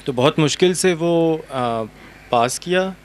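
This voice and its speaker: A young adult man, a translator, speaking reflectively and earnestly on a panel with many hesitations. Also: fairly high pitch. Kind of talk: panel conversation. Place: outdoor university courtyard event.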